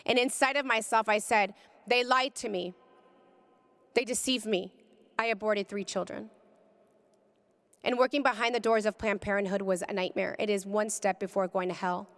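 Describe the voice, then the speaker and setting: A woman giving an impassioned personal testimony, speaking with deep feeling and rising to cries at its peaks. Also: steady tone, normal speed, pauses often, a bit bright, in a large hall. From California. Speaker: pro-life speaker. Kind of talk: emotional testimony talk.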